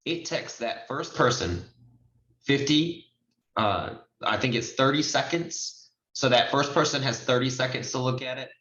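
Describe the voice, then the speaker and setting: A notary trainer and host runs an informal online training lesson indoors over a video call with screen share, explaining step by step in an emphatic, conversational way. His voice is mid-range, a bit bright, and a little slow. The video-call audio is muffled and roomy.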